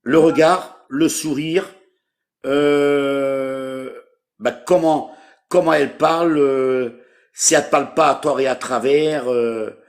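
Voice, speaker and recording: Halting French man in his fifties. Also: medium pitch, steady tone. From France. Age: 50s. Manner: hesitant, halting, searching for words. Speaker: caller seeking a partner. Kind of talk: casual live call.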